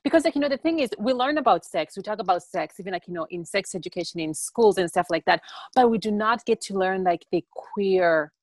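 A woman's voice: mid-range voice, animated, brisk, a little mellow, no room sound. A young woman from Tanzania, a guest in a casual interview, who talks in a rambling way with many fillers.

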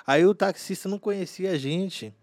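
Animated male storyteller, dry close sound. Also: sits high, moderate pace, no room sound. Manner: animated, acts out quoted voices in anecdotes. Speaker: guest saxophonist and teacher. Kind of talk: casual podcast storytelling.

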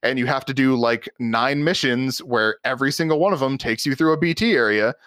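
A man's voice: mid-range voice, fairly quick, a bit bright, no echo. A man co-hosting a casual podcast, talking bluntly about a video game with frequent swearing and an exasperated tone. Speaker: podcast co-host.

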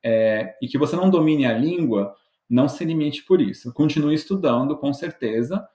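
A man's voice: on the high side, expressive, normal speed, mellow. A Brazilian man with a Brazilian Portuguese accent, a guest chatting casually on a podcast as a joking, self-mocking storyteller full of fillers. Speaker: podcast guest, medical educator. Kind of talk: casual interview chat. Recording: roomy echo.

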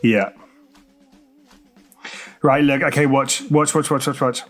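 A man's voice: mid-range voice, steady tone, takes it slowly. A man co-hosting a podcast, chatting casually about a film, blunt and exasperated. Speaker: podcast co-host.

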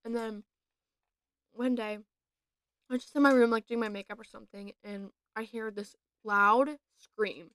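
A woman's voice: a little high, steady tone, unhurried, a bit bright, no echo. Chatty young woman telling a story. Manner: chatty, many fillers and likes. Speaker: podcast co-host. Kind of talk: casual chat, storytelling.

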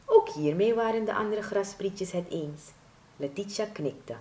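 A woman reading a children's story aloud in a gentle, measured way. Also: mid-range voice. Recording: roomy echo.

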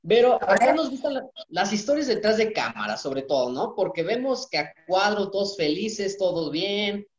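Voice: medium pitch, sing-song, normal speed, echoey room, lo-fi sound. A podcast co-host playfully building up a question for the guest.

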